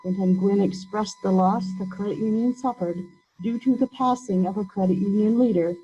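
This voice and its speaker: A woman's voice: medium pitch, normal speed, mellow, soft background music. A woman secretary reading minutes aloud formally, her voice muffled by a face mask. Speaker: board secretary.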